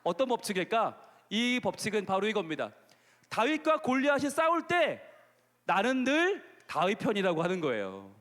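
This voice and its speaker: A pastor gives a children's sermon in a very high voice that bounces up and down. He talks playfully and keeps asking the kids questions. His voice rings with the long reverb of a large gymnasium. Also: wildly swooping pitch, normal speed, fairly bright tone.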